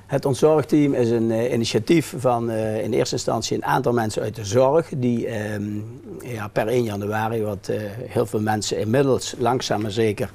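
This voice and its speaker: A man's voice: medium pitch, fairly even intonation, moderate pace, gravelly, hardly any pauses, warm tone. A man as a guest on a local TV talk show, explaining his care initiative hesitantly with many filler sounds. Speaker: guest, care company founder.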